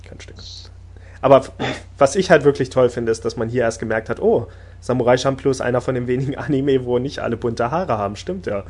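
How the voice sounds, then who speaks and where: A man chatting casually about an anime episode, talkative and laughing often, getting animated when enthusiastic. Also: medium pitch, brisk. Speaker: podcast host discussing anime. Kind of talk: casual chat.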